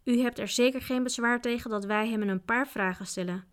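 A woman reading aloud, voicing a calm, courteous male knight. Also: a little high, clear, resonant tone, close to an everyday voice. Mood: measured. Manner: measured, courteous. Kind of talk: audiobook character voice.

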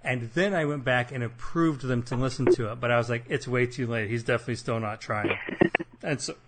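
A man's voice: medium pitch, brisk, very noisy. A young man with a Midwestern accent hosting a casual podcast chat, rambling and self-deprecating with lots of fillers. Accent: Midwestern American. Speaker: podcast host.

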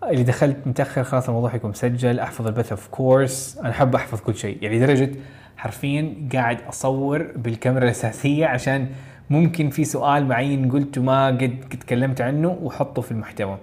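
A man's voice: mid-range voice, fairly even intonation, a little mellow. A man hosting a live audio question-and-answer session, giving casual advice in a chatty, encouraging way. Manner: rapid, chatty, with frequent restarts and encouraging asides. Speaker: host of a live audio Q&A for exam learners.

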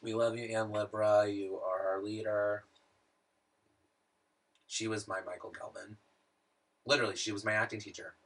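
A man's voice: lowish voice, flat delivery, fairly bright tone. A young man co-hosting a podcast, chatting casually and joking with plenty of profanity. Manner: profane, joking, quick banter. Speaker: podcast co-host. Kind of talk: casual chat.

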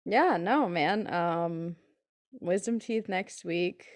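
A woman's voice: on the low side, slow pace, no room sound, clean studio sound. A young adult woman co-hosting a casual podcast in a blunt, laid-back, sweary way. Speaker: podcast co-host.

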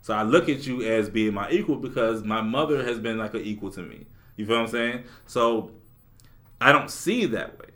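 Bright-voiced young man, casual chat. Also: medium pitch, normal speed. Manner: laughs often, rambling restarts. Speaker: podcast co-host.

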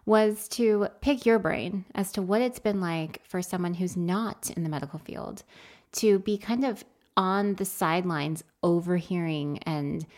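Animated young woman telling a story. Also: fairly low pitch. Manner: animated storytelling with lively quoted voices. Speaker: podcast co-host. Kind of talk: casual chat.

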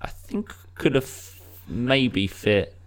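A man's voice: medium pitch, expressive, very slow. A man hosting a casual music review chat, rambling with frequent restarts. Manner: rambling, restarts, many "you know".

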